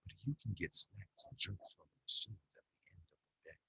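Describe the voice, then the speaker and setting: A man voicing a creepy motel keeper who speaks in a small, soft, chilling voice. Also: deep voice, a little fast, gravelly, husky, no echo, heavily acted, rough recording. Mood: sinister.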